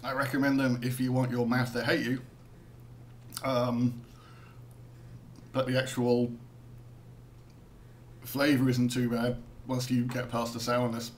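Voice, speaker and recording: A man's voice: medium pitch, monotone, unhurried, long pauses, slight background noise. A British man in a casual taste-test vlog, eating sour candy and talking through winces and groans. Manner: talks with sour candy in his mouth, wincing and groaning. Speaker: taste tester presenting to viewers.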